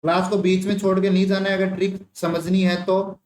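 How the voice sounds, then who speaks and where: A man's voice: high-pitched, little pitch movement, a little fast, a little mellow. A man teaching an online nursing exam class, telling a story and quizzing his students with repeated questions. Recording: echoey room with faint ambience.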